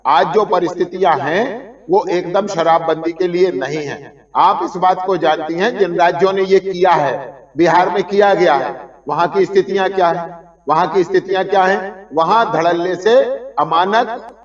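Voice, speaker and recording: A male debate panelist answers in formal, measured speech and takes his points one by one. His voice is high for a man. He sounds far from the mic, with a roomy echo and a dull, lo-fi tone. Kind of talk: televised political debate.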